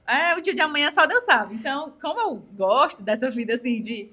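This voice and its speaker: Here the Ceará-accented podcast guest in her twenties sounds high, animated and bright, speaking a little fast with forceful energy. She keeps the casual interview chat lively by animatedly performing quoted dialogue.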